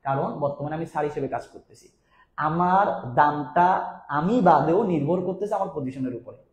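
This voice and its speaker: A man's voice: a little high, a little mellow. A man, teaching an online class in a chatty, coaxing way that repeats key points. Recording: roomy, echoey sound.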